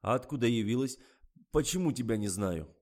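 A man voicing a loud, excitable male film director in an audiobook, shouting orders and stretching out his exclamations. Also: medium pitch, fairly quick, pitched above the performer's own voice, close to an everyday voice. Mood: bossy. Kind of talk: audiobook character voice.

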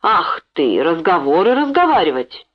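A woman voicing a drunk, violent young male bandit who snarls and shouts threats. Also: fairly low pitch, very animated, moderate pace. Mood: menacing. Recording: dull lo-fi recording.

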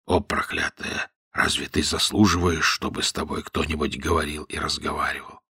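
A man voicing a king who feigns a weak, sickly voice, speaking faintly and haltingly in a low whisper. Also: steady tone, fairly bright tone, breathy edge, no room sound, studio quality, full character voice. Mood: feeble, scornful.

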